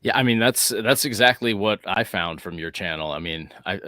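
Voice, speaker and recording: A man with a very deep voice hosting a relaxed livestream conversation. He rambles and thinks aloud, restarting sentences as he goes. The recording is dry with no room sound. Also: moderate pace, no room sound. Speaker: host. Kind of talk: casual livestream chat.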